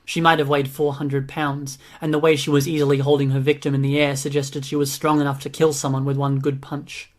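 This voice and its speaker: A man narrating a fantasy audiobook in a steady, even reading. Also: on the high side, a little fast, hardly any pauses. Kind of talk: scripted narration.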